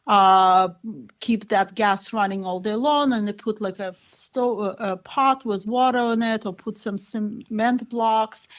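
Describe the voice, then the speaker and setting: Interview guest: woman from Ukraine, earnest, hesitant, mid pitch, slightly dull audio. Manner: earnest, hesitant with many fillers. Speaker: doctor and advocate, interview guest. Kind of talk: conversational interview.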